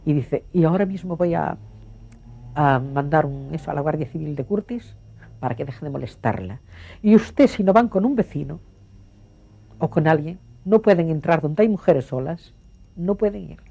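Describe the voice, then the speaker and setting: A woman's voice: sits low, expressive, normal speed, gravelly, mellow, breathy edge, highs cut off. An older woman from Galicia recalling her past as a documentary witness, vividly acting out the voices in her memories. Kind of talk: personal recollection.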